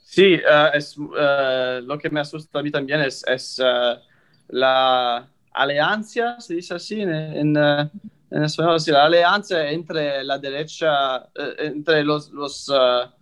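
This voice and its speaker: A man with a slightly high voice speaks non-native Spanish at a very slow pace. He is an interviewer giving conversational commentary, halting and repeating words as he searches for the next one. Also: steady tone, fairly bright tone, clear, resonant tone. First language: not Spanish.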